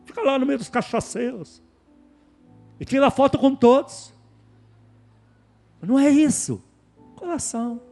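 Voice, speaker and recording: Male pastor, high voice, emphatic sermon delivery, hushed asides then loud peaks. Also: animated, a little slow, creaky, pauses often, soft background music. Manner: emphatic, repeats key words, swings from hushed to loud.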